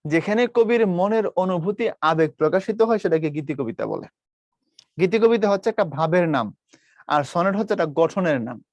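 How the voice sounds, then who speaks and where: A young man with a high voice, recorded with no room sound, teaches an online class. As a patient tutor, he repeats key points, quizzes his students, and mixes in English words.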